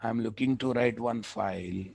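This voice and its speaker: A man with a Telugu Indian accent giving a live software tutorial as a trainer, repeating phrases for emphasis and checking that the class follows. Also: medium pitch, normal speed, vocal fry, husky, dry recording.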